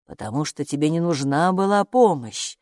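A sly, self-satisfied talking bathrobe who speaks slowly and condescendingly to a child, as a woman puts him on for a storybook. His lines have a lively lilt, recorded close and dry. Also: low-pitched, no echo. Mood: calm. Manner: unhurried, patronizing, calls her "friend". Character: talking bathrobe, male, calm, sly, know-it-all.

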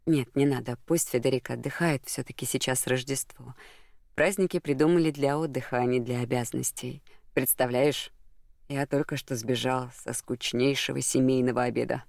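A gentle, earnest lawyer in love, played by an audiobook reader, soft and caring in tone with a gravelly texture. The sound is dry and close. He speaks seriously and tenderly, like a leading man in a romantic audiobook. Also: medium pitch, fairly even intonation, normal speed, no room sound, close to an everyday voice.

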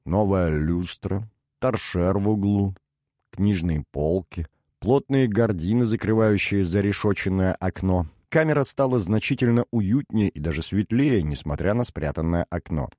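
A man reading a novel aloud as an audiobook narrator, measured and even. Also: sits low, dry recording, studio quality.

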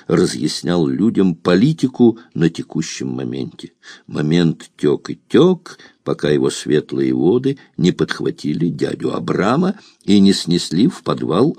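A man narrating a novel as an audiobook in expressive, varied intonation. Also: low-pitched, creaky, breathy edge, no echo, clean studio sound.

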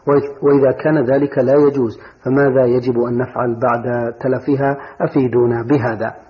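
A man's voice: mid-range voice, little pitch movement, brisk. A man hosting a radio programme, speaking formal Standard Arabic as he presents and reads out questions. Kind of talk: formal broadcast presenting, reading out listeners' questions. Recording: dull lo-fi radio recording.

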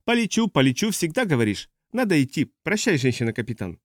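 A man voicing a very old male pilot who talks high, lively and teasing. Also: fast talker, dry recording, clean studio sound. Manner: high, lively, broken phrasing.

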